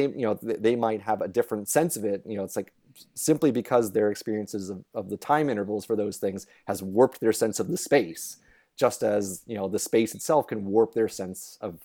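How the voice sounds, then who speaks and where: A man's voice: on the low side, fairly quick, warm tone. A man, a researcher guest, explaining ideas conversationally and animatedly, with many restarts and voices put on for quotes.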